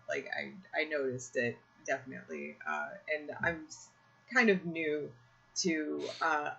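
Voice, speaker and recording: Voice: mid-range voice, gravelly, bright, forceful tone, muffled recording. Chatty host with a strained voice. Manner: rambling, self-correcting. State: slightly strained, irritated throat. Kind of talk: casual chat. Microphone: own computer mic, live video call.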